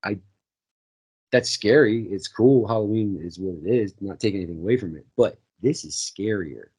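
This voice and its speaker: A man's voice: on the low side, moderate pace, a little mellow, husky. A man co-hosting a podcast, talking casually about a film, swearing freely and acting out quotes. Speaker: podcast co-host. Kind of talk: casual movie chat.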